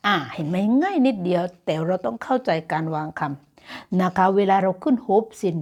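A woman's voice: medium pitch, lively intonation, moderate pace, a little mellow. A Thai woman teaching Dutch grammar in a casual online lesson, explaining patiently and encouraging her students. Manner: encouraging and motivational.

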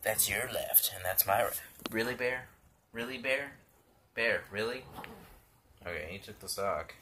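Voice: mid-range voice, a little slow, a little hiss or hum. A vlogger talking casually while playing with a puppy, swearing freely and calling out playful exclamations. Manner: lively, playfully exaggerated exclamations.

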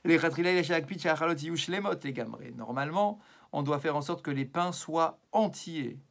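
A man's voice: fairly high pitch, moderate pace, creaky. A man giving an evening religious lesson as a rabbi, explaining patiently and mixing Hebrew passages into his talk with frequent hesitations. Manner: explanatory, weaves Hebrew passages into French, frequent "euh" and "d'accord".

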